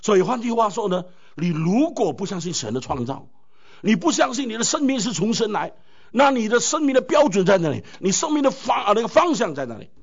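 A man delivering a sermon in a high, lively voice that leaps up and drops low again and again. He keeps turning to his listeners with rhetorical questions. The recording is dull and lo-fi. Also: brisk, vocal fry, husky. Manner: animated preaching with many rhetorical questions. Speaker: pastor.

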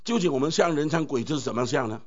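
A man preaching a sermon as a pastor, animated and full of rhetorical questions to the congregation. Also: on the high side, fast talker. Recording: dull lo-fi recording.

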